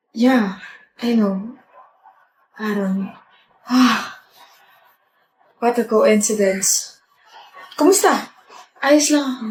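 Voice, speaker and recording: A woman acting out a wistful airport reunion scene in a skit, speaking softly. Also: mid-range voice, echoey room, slight background noise, poor audio. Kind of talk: skit role-play.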